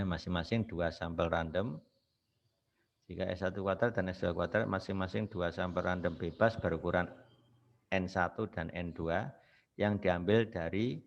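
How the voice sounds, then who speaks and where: A man teaching statistics in a recorded university lecture, walking through a problem step by step and tagging his points with quick rhetorical questions. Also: deep voice, creaky, lo-fi sound. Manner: explains step by step with frequent rhetorical questions and "ya" tags.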